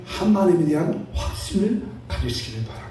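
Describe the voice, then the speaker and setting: A male pastor preaches in a high, animated voice, acting out each character as he tells his stories. His tone is mellow rather than sharp. The sound comes from some distance across a strongly echoing hall. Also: fairly quick, a little hiss or hum. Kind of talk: sermon. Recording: very echoey hall, heard from a distance.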